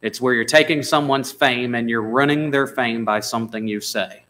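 Man preaching in a church, bright voice, conversational, asks the congregation questions. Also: medium pitch, normal speed, poor audio. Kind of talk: sermon. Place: church sanctuary.

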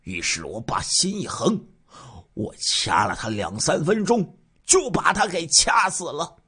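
A man telling a true-crime case in the first person as the killer, dramatic and emotional, dropping to hushes and rising to loud bursts. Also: on the high side, sing-song, a little slow, breathy edge.

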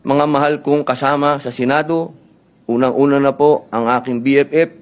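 A man addressing his fellow senators in a measured, formal speech. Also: medium pitch, steady tone.

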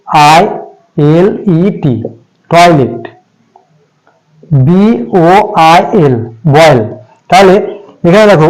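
Slow, high-voiced man teaching pronunciation. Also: poor audio. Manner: spells out letters and repeats sounds, patient, asks "ঠিক আছে?". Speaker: English teacher. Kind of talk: slow classroom explanation.

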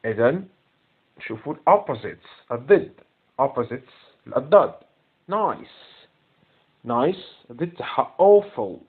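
A man's voice: mid-range voice, very animated, takes it slowly, breathy edge. A man with an Algerian Arabic accent corrects an English exam, repeating each English word and explaining it in Arabic. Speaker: English teacher. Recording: tinny phone-like sound.

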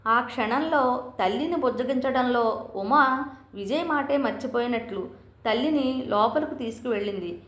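A woman reads a novel aloud in a steady, even storytelling manner. Her voice sits somewhat high. A roomy echo hangs around every line. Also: normal speed. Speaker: audiobook narrator. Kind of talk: scripted novel narration.

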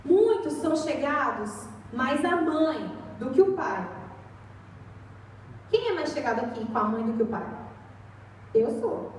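High-voiced young woman preaching in a hall. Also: sing-song, measured pace, long pauses. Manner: chatty storytelling, acts out voices. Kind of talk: sermon. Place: church hall. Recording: echoey hall, mic far off.

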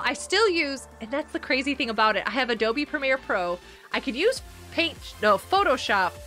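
A woman's voice: high voice, sharp tone. A middle-aged woman hosting a game livestream over a headset mic, chatting and laughing as she greets viewers by name. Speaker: livestream host and homeschooling parent. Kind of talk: casual livestream chat while playing a game.

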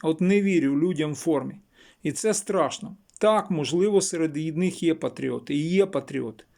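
A man from western Ukraine speaks in a fairly high voice as a local blogger. He is insistent and repeats phrases to drive home each point. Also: moderate pace, vocal fry, a little mellow. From Chernivtsi region, Ukraine. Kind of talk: emphatic local news vlog.

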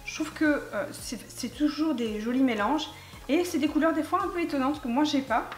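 A woman's voice: sits high, moderate pace. A woman, chatting casually and enthusiastically about her latest makeup haul, with lots of fillers. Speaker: beauty vlogger. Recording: echoey room with faint music.

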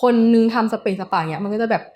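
Fast-talking young woman chatting. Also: mid-range voice, a little mellow. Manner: quick chatty talk full of fillers. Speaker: news writer on a podcast team. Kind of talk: casual podcast chat.

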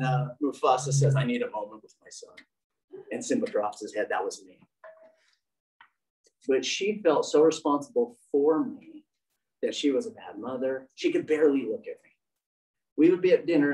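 A man's voice: mid-range voice, darkish tone. A middle-aged man giving a candid, self-mocking personal story at a church meeting. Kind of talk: humorous personal story talk. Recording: distant mic.

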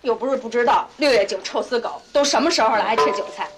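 An actress playing a sharp-tongued housewife, who scolds and teases in quick bursts. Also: female voice, on the high side, over music, natural voice. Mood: teasing scolding. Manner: quick nagging teasing scolds. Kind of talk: 1990s TV drama acting. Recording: noisy old TV soundtrack.

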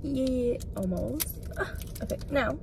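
A young woman with a high, lively voice chats and laughs easily. She is recorded from a phone on a car dashboard, so her voice sounds distant under clear background noise. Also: takes it slowly. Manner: chatty, laughs often. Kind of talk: casual chat. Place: inside a car.

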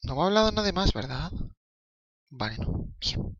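Young guy streaming a footy game, rambly and hyped, bright sharp voice, dry close mic. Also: fairly high pitch, normal speed, no echo, dull audio. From Canary Islands. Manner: rambling, excitable, swearing, laughing asides. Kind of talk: casual live-stream commentary.

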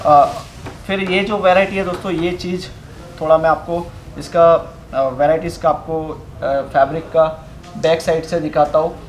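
This product demonstration features a young man, slightly high in pitch, explaining the fabric and work of sarees. His pitch is steady with filler pauses. Recorded indoors at a fabric showroom, the audio has room echo and a faint hum.

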